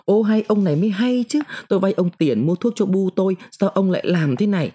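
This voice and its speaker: A woman's voice: mid-range voice, lively intonation, fairly quick, dark tone, voice pushed up, lightly acted. A man reading a story, voicing a desperate, defiant young woman mine worker who pleads and cries out. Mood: desperate, crying out. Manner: pleading, then crying out in protest.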